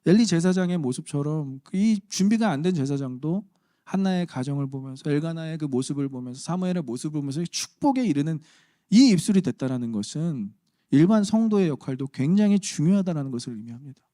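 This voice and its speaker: A man's voice: on the high side, animated, fast, warm tone, no echo, studio quality. A man preaching a sermon as pastor, conversational and humorous with emphatic turns. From Chungcheong region, Korea.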